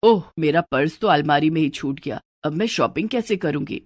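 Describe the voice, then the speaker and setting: A woman's voice: low voice, expressive, normal speed, darkish tone, slight background noise, pitched below the performer's own voice. A woman voicing a fretful older mother-in-law who stammers nervously in a cartoon story. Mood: flustered.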